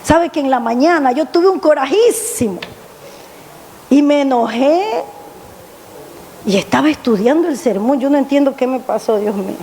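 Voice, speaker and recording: A woman pastor preaching an impassioned sermon, rising high on questions and dropping low on appeals to her listeners. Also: warm tone, a little hiss or hum. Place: church. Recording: church hall with long reverb.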